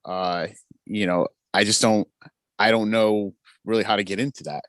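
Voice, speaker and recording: A man's voice: lowish voice, steady tone, normal speed, a bit bright, dry recording. A man in his forties calling in over a video call, chatting casually, hesitant and often stammering and repeating himself. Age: 40s. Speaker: caller. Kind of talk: casual chat.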